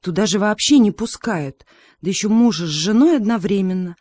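A woman narrating a story as an audiobook, in a measured, gently ironic way. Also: medium pitch, expressive, no room sound. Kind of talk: audiobook reading.

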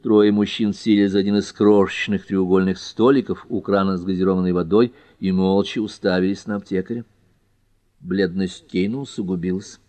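A man narrating a detective novel as an audiobook in a measured, expressive reading. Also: low-pitched.

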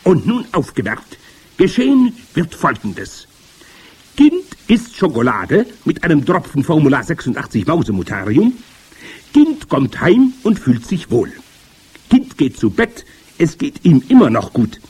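A man voicing a commanding, evil old witch queen in a storybook reading, with shrill, gloating, theatrical speech. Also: wildly swooping pitch, unhurried, darkish tone, husky, full character voice. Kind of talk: audiobook character voice.

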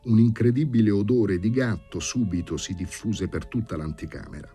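A man reading a novel aloud in an expressive, theatrical way. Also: on the low side, normal speed, husky, faint music behind. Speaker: audiobook reader.

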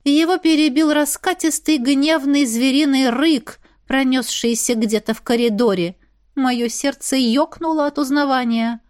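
A woman's voice: high-pitched, measured pace, darkish tone, no echo. Woman narrating an audiobook, dry sound. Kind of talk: first-person audiobook narration.

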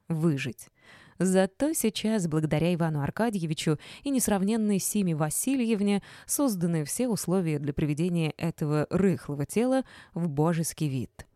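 A woman reading a first-person novel aloud as audiobook narrator, in a wry, measured storytelling manner. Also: on the low side, lively intonation, mellow, no echo, studio quality.

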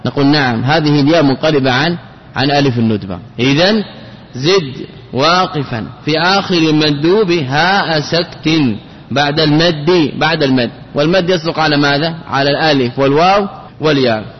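A male teacher with a husky, fairly high voice lectures a class on grammar at a slightly fast pace. He keeps asking rhetorical questions and repeating key phrases as he explains. The recording is dull and lo-fi, with long hall reverb.

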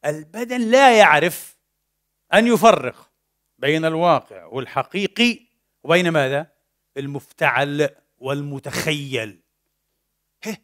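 A man's voice: on the high side, animated, a little slow, pauses often, a bit bright. A man preaching. He mixes formal with colloquial speech and keeps asking rhetorical questions, then answering them himself. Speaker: preacher and lecturer. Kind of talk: lecture-style sermon.

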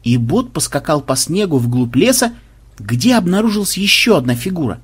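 Guy reading an audiobook, husky voice, really animated. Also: on the high side, moderate pace. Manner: lively storytelling. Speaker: narrator. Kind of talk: audiobook narration.

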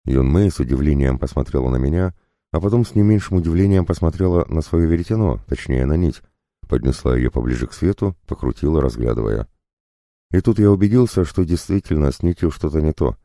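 Deep dark guy narrating a fantasy audiobook, calm steady read, dead dry sound. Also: a little fast, no echo. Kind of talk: first-person audiobook narration.

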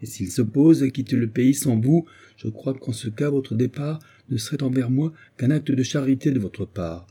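A man's voice: medium pitch, moderate pace, hardly any pauses, warm tone, slightly rough, pitched above the performer's own voice, natural voice. A man voicing a cold, selfish, scheming middle-aged man in an audiobook, speaking with firm disdain. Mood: contemptuous.

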